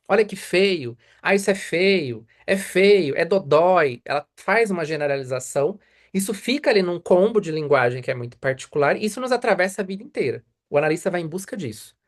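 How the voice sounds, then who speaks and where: A man with a Brazilian Portuguese accent, a psychoanalyst teaching a study group in a live online lecture. He speaks conversationally, tags nearly every point with "né?", and asks and answers his own questions. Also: a little high.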